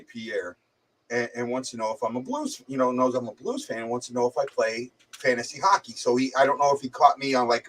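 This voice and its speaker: Muffled as though on speakerphone from a distant mic, a man with a mid-range, somewhat bright voice hosts a casual livestream chat. He has a slight head cold and rambles, hesitating and stumbling into repeats.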